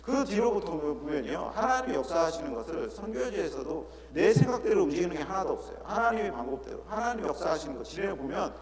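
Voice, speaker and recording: Middle-aged guy preaching, kinda high voice, lots of rhetorical questions, big echoey church hall with people around. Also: big pitch swings, fast talker, few pauses, over a noisy crowd. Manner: earnest, rhetorical questions, drops to soft asides. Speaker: pastor. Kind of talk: sermon. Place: church sanctuary.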